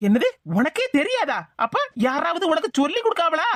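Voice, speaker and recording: A woman voicing a tall gruff woman with a Tirunelveli accent, mocking and menacing, in a cartoon. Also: very high-pitched, big pitch swings, a little fast, a little hiss or hum, voice pushed down. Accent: Tirunelveli Tamil.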